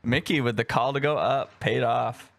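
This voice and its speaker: A man's voice: mid-range voice, moderate pace, gravelly, a bit bright. A man at a home setup calls out enemies in short bursts over team chat. His voice sits in the middle range, casual and profane. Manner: terse callouts, swears, cheers at wins. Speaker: streamer playing a shooter with friends.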